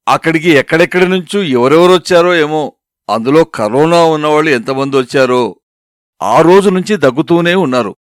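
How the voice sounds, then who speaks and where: A man's voice: on the high side, no room sound, clean studio sound, close to an everyday voice. A man voicing a fussing middle-aged wife who scolds and bosses her husband. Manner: scolding, nagging.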